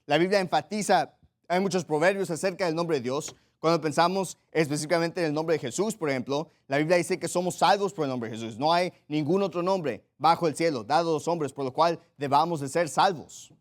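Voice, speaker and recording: A man's voice: on the high side, fairly quick. A pastor preaching a sermon emphatically, repeating his points, checking in with the congregation and reading Bible passages aloud. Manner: directs listeners to Bible passages and reads them aloud.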